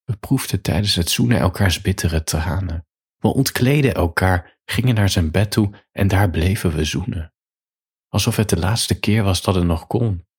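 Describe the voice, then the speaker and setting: A writer reading aloud his own short story in a calm, reflective way with quiet emotion. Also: low-pitched, normal speed, husky. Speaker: writer and writing teacher.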